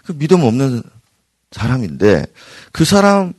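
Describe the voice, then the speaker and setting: A male pastor delivering an evening prayer-meeting sermon, swinging between loud emphatic bursts and hushed near-whispers. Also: medium pitch, wildly swooping pitch, moderate pace, husky, no echo, clean studio sound. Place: church hall.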